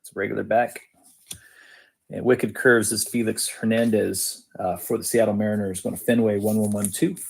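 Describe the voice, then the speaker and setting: A man's voice: fairly low pitch, fairly even intonation, moderate pace, creaky, slight background noise. A man hosting a sports card break, reading out cards in casual, matter-of-fact, clipped phrases.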